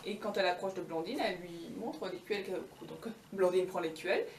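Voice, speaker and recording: A woman's voice: lowish voice, quick pace, far from the mic, a little hiss or hum. Chatty woman retelling a tale, echoey room. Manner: chatty, slangy, ironic asides with frequent fillers. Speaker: storyteller. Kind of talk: casual retelling of a fairy tale.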